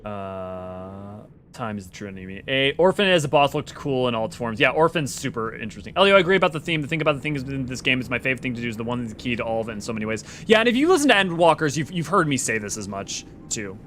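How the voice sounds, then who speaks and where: Male streamer, casual chat with viewers; lively, bouncing delivery, keeps restarting sentences. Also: medium pitch, slight background noise. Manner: excitable, rambling, quick restarts. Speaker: livestream host. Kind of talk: casual livestream chat reading viewer comments.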